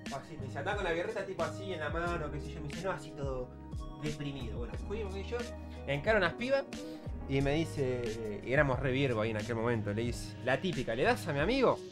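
A man's voice: on the high side, fast, music in the background. A young man in his twenties with an Argentine accent, a streamer telling a crude, self-mocking story to his chat with lots of slang. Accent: Argentine Rioplatense Spanish. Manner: animated, crude slangy banter, laughs at himself.

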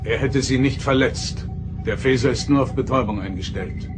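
An actor playing an authoritative, composed starship captain in a science-fiction radio play, firm and articulate. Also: male voice, medium pitch, moderate pace, natural voice. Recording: radio play with loud music underneath.

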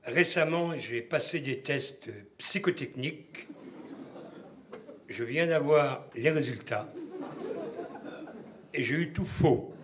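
A man, a comedian, telling a deadpan stand-up monologue on stage. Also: a little high, slow pace, long pauses. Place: theater stage. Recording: live stage recording with background noise.

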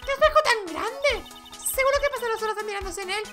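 Young waitress sidekick for a game dub: extremely high, childlike, eager and bubbly. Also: female voice, fairly quick, over music. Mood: excited. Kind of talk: video game character dub.

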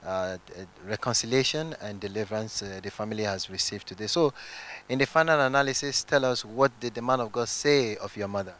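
Man, church interviewer, formal questions, lowish voice. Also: brisk, fairly bright tone. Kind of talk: on-stage interview.

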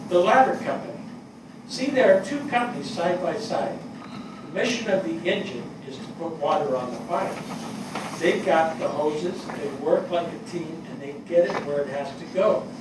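A man in his sixties, a stage actor at a dramatic reading, plays a plainspoken, grieving fire captain, speaking halting, matter-of-fact dialogue from a script before an audience in a small theatre. His fairly high voice has lively intonation and sounds close to everyday speech. A far camera mic picks it up distantly, with echo and noise.

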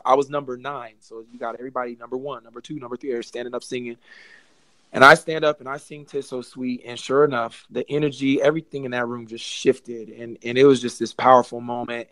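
A man's voice: medium pitch, fairly bright tone, no room sound. A young man, a gospel singer, talking earnestly on a podcast about faith and sharing his story. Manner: earnest, preachy, addresses listeners as y'all. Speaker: podcast guest, gospel artist. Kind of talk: casual testimony chat.

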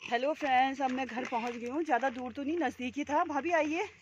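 Woman vlogger, high voice, casual walk-and-talk to a handheld phone, noisy outdoor road. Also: brisk, muffled recording. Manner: chatty, teasing, talks to the camera while walking. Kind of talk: casual walking vlog chat. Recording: noisy outdoor street sound.

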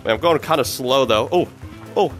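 A young man giving excited, casual commentary while playing a video game, often tossing in slang like "bro". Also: mid-range voice, normal speed, faint music behind. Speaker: gaming video creator.

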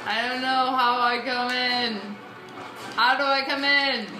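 A woman with a high-pitched voice speaks slowly and fairly evenly, chatting casually and playfully with a co-player during a recorded let's play. She's in an indoor room filming a TV screen, and the echoey recording carries video game music in the background.

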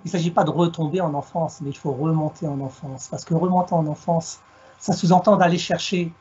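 This is a middle-aged storyteller from Alsace in France, speaking reflectively as a guest over a video call with a headset from a room in his house. His rather high voice has a darkish, husky tone, and the audio comes across dull. He keeps a measured pace and likes to play on words.

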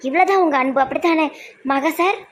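A woman's voice: high-pitched, fast. A woman playing a doctor in a comedy skit, scolding and hurt, close to tears.

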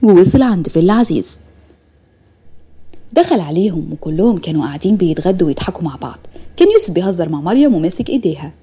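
Woman, Egyptian Arabic accent, storyteller, very fast, warm, husky. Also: fairly low pitch, sing-song. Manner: rapid, running storytelling. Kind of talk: narrated storybook reading.

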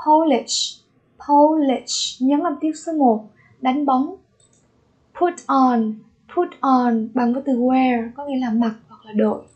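In a lo-fi recording, a woman with a high-pitched, darkish voice teaches English vocabulary. She slowly repeats each word twice and then glosses it.

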